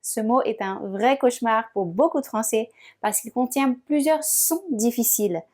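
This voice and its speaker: A woman narrating a scripted language lesson as a pronunciation teacher, speaking clearly and deliberately and slowing down to model words. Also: fairly high pitch, a little mellow.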